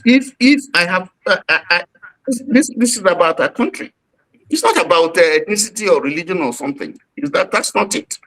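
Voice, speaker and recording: A man's voice: high voice, a bit bright, rough recording. A Nigerian man from Lagos, calling into a livestream, heated and insistent, repeating his points. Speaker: caller on livestream.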